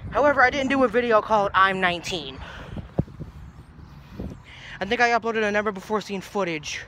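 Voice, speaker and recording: A young New Jersey vlogger in his twenties talks casually into a phone held low at arm's length, standing outdoors by a brick house in a grassy yard. His voice sits high at a moderate pace, with background noise, and he rambles and gets sidetracked easily.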